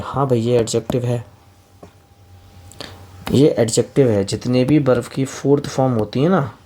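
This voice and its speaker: A man's voice: mid-range voice, a little mellow, slight background noise. Indian man teaching English grammar. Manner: reads English sentences slowly, then explains in Hindi; addresses students affectionately as kids and friends. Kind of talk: explaining grammar to students.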